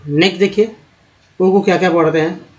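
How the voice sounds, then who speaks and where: A man teaching English pronunciation, sounding out words slowly and explaining each vowel sound. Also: high voice, steady tone, dull audio. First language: Hindi. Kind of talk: spoken pronunciation lesson.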